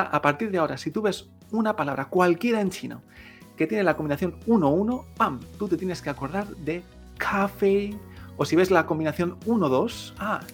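A woman's voice: deep voice, husky. A woman teaching Chinese pronunciation in a patient lesson, drilling tones with repeated examples and praise.

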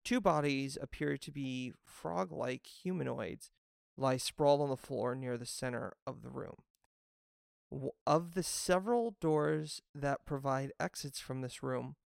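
A man's voice: mid-range voice, measured pace, gravelly, clear, resonant tone, no room sound. A man narrating a tabletop game as game master. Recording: dry, with faint music behind. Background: faint music.

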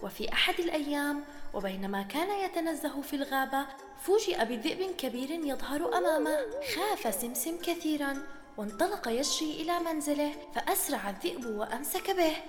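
A woman narrating a children's story as host, in a gentle, expressive storytelling manner. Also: high voice, fairly quick. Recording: roomy reverb, long echo, soft music bed. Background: faint background music.

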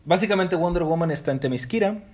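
A man's voice: fairly high pitch, a little mellow. A man recapping comics in casual chat, briefly acting out the characters' lines. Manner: retells scenes with quick quoted voices.

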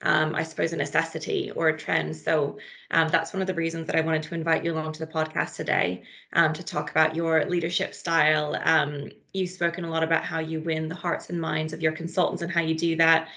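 A woman co-hosting a podcast, asking interview questions with enthusiastic, quick affirmations. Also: low-pitched, flat delivery, vocal fry, a bit bright. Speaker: podcast co-host. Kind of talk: casual interview chat.

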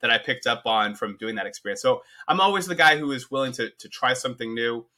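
A man's voice: mid-range voice, animated, quick pace, pushed and bright. A man answering as a guest on a casual podcast, easygoing and reflective.

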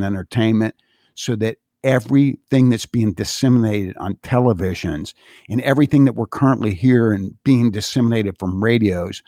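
A man with a fairly low voice delivers a long political monologue. He hammers his points with insistent repetition, like a speech. The sound is dry and close, with no room echo. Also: mellow. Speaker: political commentator. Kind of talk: monologue commentary.

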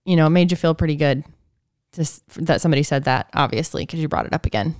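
A woman's voice: deep voice, fast, a little mellow, no room sound, clean studio sound. A woman co-hosting a podcast in casual chat, upbeat and explaining things plainly. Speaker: podcast co-host.

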